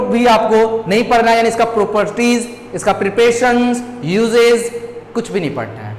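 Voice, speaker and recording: A man, a teacher walking students through a syllabus lesson and often checking in with them. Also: very high voice. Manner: addresses students as children, repeats checks like "okay children". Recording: echoey room.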